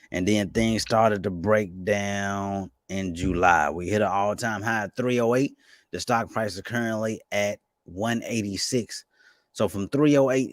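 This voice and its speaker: Low dry voice guy rambling fast about stocks, excited, trips over his words. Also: no echo. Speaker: finance YouTuber. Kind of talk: casual market commentary.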